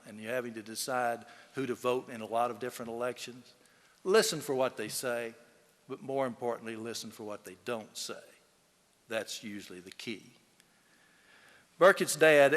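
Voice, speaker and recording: A man with a medium-pitched, fairly bright voice gives a eulogy as a fellow lawyer of the deceased. He tells folksy anecdotes to the audience in an emphatic storytelling style, and the echoey hall adds a long reverb.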